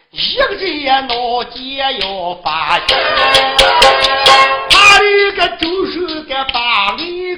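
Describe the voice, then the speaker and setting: A woman's voice: sits high, roomy sound, low-quality recording. Woman narrating Shaanbei storytelling.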